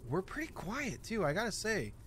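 Excitable young man narrating his gameplay. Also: sits high, normal speed, a little hiss or hum. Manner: excitable, jokey, exclaims often. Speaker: gaming channel host. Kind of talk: let's play commentary.

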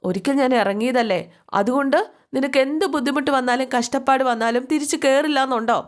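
A woman's voice: sits high, fast talker, voice pushed up, lightly acted. A woman voicing a tearful older mother begging her son to come home. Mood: pleading. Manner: pleading, emotional.

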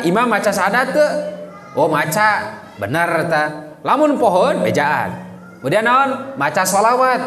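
A man with a Sundanese accent giving an animated Islamic study lecture, often quizzing his listeners with questions. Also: high-pitched. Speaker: Islamic teacher. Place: mosque hall. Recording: echoey hall reverb.

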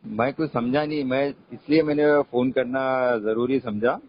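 Man talking fast over a muffled phone line. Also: mid-range voice, slight background noise. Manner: calm, insistent, explains himself at length. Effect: heard over a phone line. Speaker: caller, former company employee. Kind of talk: casual phone conversation. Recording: muffled phone call recording.

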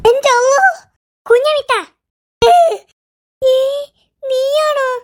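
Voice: extremely high pitch, very slow, pitched above the performer's own voice, full character voice. A voice actor voicing a jumpy, easily frightened middle-aged woman in a comic cartoon, with shrieking, whiny exclamations. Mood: startled. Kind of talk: cartoon voice acting.

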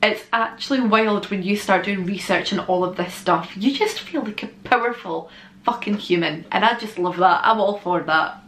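A woman's voice: medium pitch, moderate pace, fairly bright tone. A woman of around thirty talking casually as an encouraging self-help influencer, sweary and jokey, in a vlog recorded in a bedroom. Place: small bedroom, indoors. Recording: roomy bedroom echo, clear background noise.

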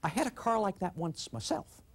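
A man's voice: high-pitched, very animated, moderate pace, vocal fry, pitched above the performer's own voice, heavily acted. A man voicing an old, proud farmer who talks in a dry, understated way.

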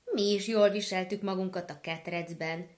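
A woman voicing a flock of squabbling farmyard geese who shout out together in a storybook tale. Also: mid-range voice, steady tone, lightly acted. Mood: indignant. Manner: loud, clamoring.

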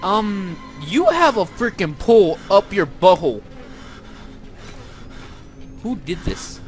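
A young man provides let's-play commentary on a horror game, his high voice swinging widely in pitch at a slow pace. He's jumpy, swears, and lets out nervous laughs while game music plays behind him.

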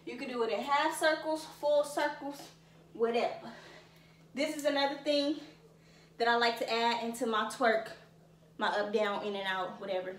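A woman's voice: fairly high pitch, normal speed. Breathless young woman counting dance moves. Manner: chatty, addresses viewers as y'all, counts moves aloud. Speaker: dance instructor. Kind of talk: casual dance tutorial. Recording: echoey room, distant from mic.

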